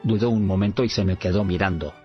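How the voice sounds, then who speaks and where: A man narrating an audiobook in a steady, even reading, sometimes saying the punctuation aloud. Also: low-pitched, fast. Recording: slightly dull recording with faint music.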